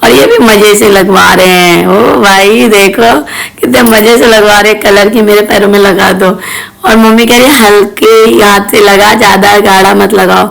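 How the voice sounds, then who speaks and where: A woman in her thirties from Bihar talks through her family vlog as a voice-over. Her voice is gravelly and steady, with little rise and fall, and she keeps turning to her viewers in a chatty way. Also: mid-range voice, rough recording. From Bihar, India. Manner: chatty, addressing viewers directly. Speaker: family vlogger.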